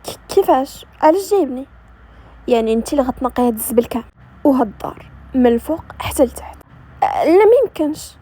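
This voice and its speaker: Woman doing a defiant young forced bride, Moroccan Arabic accent, cheeky retorts, high and quick. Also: animated, mellow, slightly rough. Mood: shocked.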